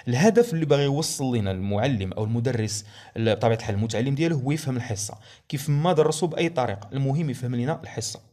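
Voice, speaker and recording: A young man with a Moroccan Arabic accent lecturing on language teaching methods. He reads English headings slowly, then explains them in Darija. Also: medium pitch, expressive, dark tone.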